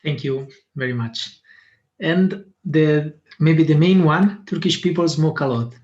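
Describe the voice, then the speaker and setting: A man's voice: on the high side, unhurried, darkish tone. A man moderating an online meeting, politely calling on each participant in turn with brief prompts. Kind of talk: calling on participants in a video call. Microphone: video call. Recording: dull lo-fi call audio.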